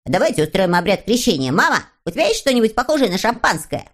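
A woman voicing an eager, excitable young male troll child in a storybook reading, with a gravelly edge. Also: medium pitch, fast talker.

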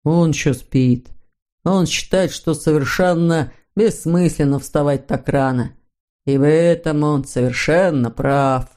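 A sullen, grumbling Hemulen from a storybook, put on by a woman narrator. He drags out each word in a dark, low mood. His short, curt replies shut down every suggestion. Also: fairly even intonation, a little slow. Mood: glum. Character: gloomy grumpy male Hemulen, stamp collector. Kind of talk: audiobook reading.

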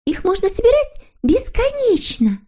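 A woman doing a squeaky, eager Snork Maiden. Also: very animated, normal speed, darkish tone. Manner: high, eager and hopeful. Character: hopeful little Snork Maiden, eager girl.

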